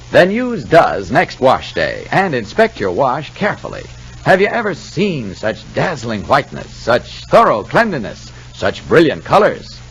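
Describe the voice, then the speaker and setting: A man narrating and announcing in 1950s radio soap style, with deliberate, dramatic, emphatic phrasing. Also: mid-range voice, breathy edge, low-quality recording.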